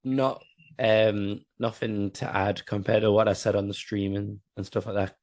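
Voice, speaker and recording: Man, podcast co-host, low voice, dry close mic, short replies. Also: little pitch movement, normal speed, a little mellow, no echo. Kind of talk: casual chat.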